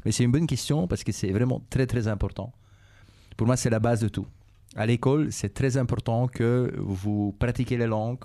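Here a Flemish-accented Belgian executive of middle age, whose mother tongue is Dutch, gives calm explanations in French to schoolchildren interviewing him. The male voice is warm and of medium pitch. He speaks in a measured way, often hesitating, going over the same points again, and leaning on "euh" and "et cetera."

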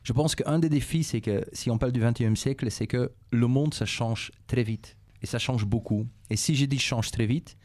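Schoolchildren are interviewing a middle-aged Belgian executive who speaks French with a Flemish accent, Dutch being his native language. His male voice is medium in pitch with a darkish tone. He gives calm, explanatory answers at a measured pace, marked by frequent hesitation, repetition, and recurring "euh" and "et cetera."

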